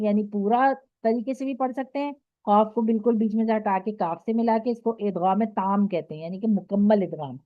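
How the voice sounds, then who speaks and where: A woman with an Urdu accent teaching Quran recitation rules in an online lesson. She explains patiently, keeps checking with "okay", and recites her examples slowly. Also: a little high, dry recording. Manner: slow drawn-out recitation of examples. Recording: dry, dull lo-fi audio.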